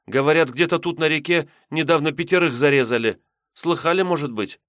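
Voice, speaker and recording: A man's voice: a little high, brisk, a bit bright, dry recording, clean studio sound, voice pushed up, lightly acted. Man voicing a timid young peasant girl. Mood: fearful. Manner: fearful, pleading. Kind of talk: audiobook character voice.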